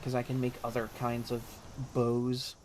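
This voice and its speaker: A man's voice: medium pitch, completely flat delivery, a little slow, a little mellow, slight background noise. A man hosting a gaming video with casual, slangy let's-play commentary and a wry, joking manner.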